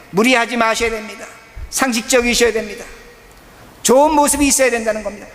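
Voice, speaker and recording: Male pastor, emphatic sermon style, repeats phrases, brisk delivery. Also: high voice, fairly bright tone. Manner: emphatic, repetitive declarative preaching. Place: church sanctuary. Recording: long hall reverb.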